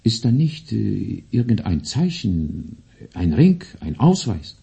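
A man's voice: fairly low pitch, sing-song, gravelly, dark tone, breathy edge, exaggerated voice. An actor playing a nervous, prying man who keeps asking questions and gets worked up in a radio play. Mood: curious. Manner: questioning, quick to get worked up.

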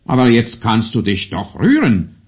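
A man voices a fretful, nosy man in a radio play, his pitch leaping wildly whenever he gets excited. His husky voice moves at an unhurried pace. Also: heavily acted. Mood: urgent. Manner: questioning, quick to get worked up. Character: nervous, prying man, easily agitated.

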